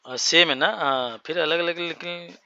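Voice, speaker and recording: Man, class teacher, thinks aloud, bright and clear, a bit high-pitched. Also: no room sound, lo-fi sound. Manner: explains words slowly, spells them out, thinks aloud. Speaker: English teacher. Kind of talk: spoken English class for Hindi speakers.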